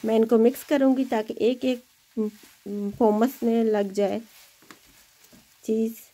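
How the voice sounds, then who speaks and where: A woman's voice: a little high, steady tone, slow pace, warm tone, rough recording. A woman hosting a home cooking video, chatting in an encouraging way as she cooks in her kitchen. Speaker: home cooking channel host. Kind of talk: casual cooking demonstration.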